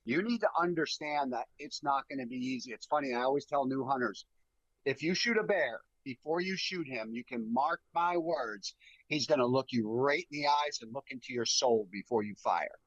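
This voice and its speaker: A man guesting on a podcast, telling stories casually in an animated, emphatic way, often repeating words. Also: mid-range voice, moderate pace, no room sound, lo-fi sound. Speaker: guest, bear hunting guide. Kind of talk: casual storytelling.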